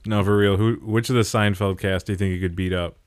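A man's voice: on the low side, fairly even intonation, quick pace, no echo. A young man co-hosting a podcast, bantering and joking in casual chat. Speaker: podcast co-host.

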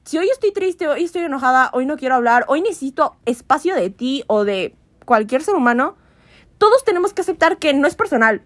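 A woman's voice: high-pitched, brisk, no echo. A young woman, chatting casually on a podcast and acting out quoted voices. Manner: animated, laughs often, acts out quoted voices. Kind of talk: casual chat.

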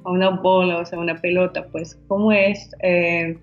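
A woman chatting casually about Spanish accents, lively and playful, laughing often. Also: on the low side, moderate pace, dull audio, soft background music.

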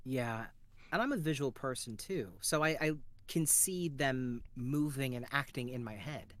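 A man's voice: mid-range voice, unhurried, a bit bright, dry recording. A man as a podcast guest, chatting earnestly and rambling about voice acting. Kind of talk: casual chat.

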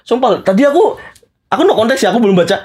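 A young man on a podcast who jokes around and laughs a lot. His voice is high and swings about animatedly. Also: fast, husky. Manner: joking, lively, laughs often. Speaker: podcast co-host. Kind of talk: casual chat.

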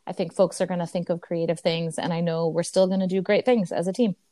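A woman co-hosting a team podcast, chatting casually in an upbeat way with a loud voice and many fillers. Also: lowish voice, flat delivery, fast talker, no echo, studio quality. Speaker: podcast co-host. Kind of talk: casual chat.

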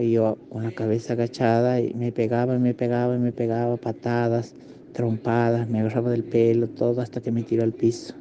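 A man in his fifties with an Argentine accent, recounting a personal memory in halting testimony with pauses and restarts. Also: mid-range voice, warm tone, dull audio, a little hiss or hum. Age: 50s. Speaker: interviewee giving testimony.

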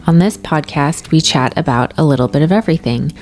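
A woman hosts a podcast, reading her intro and some survey figures in an organized manner and guiding the conversation with questions. Her voice sits low, is a little mellow, and moves briskly.

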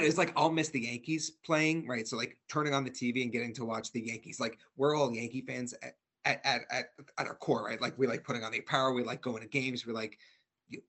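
A man's voice: mid-range voice, pushed and bright, slightly rough. A man co-hosting a casual sports fan talk show, ranting with frustration and stumbling over repeated words.

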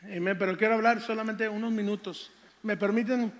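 An older man preaches, stretching out scripture with fervor before drifting into folksy childhood stories. His voice sits high for a man. The church hall around him rings with long reverb. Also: steady tone. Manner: fervent, drawn-out scripture reading, folksy storytelling. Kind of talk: sermon testimony.

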